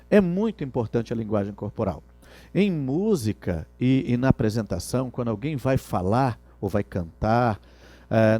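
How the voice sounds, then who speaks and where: A man's voice: medium pitch, a little mellow, dry recording. A middle-aged man gives a lecture on customer service, teaching by asking the class rhetorical questions. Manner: didactic, asks rhetorical questions. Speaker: instructor.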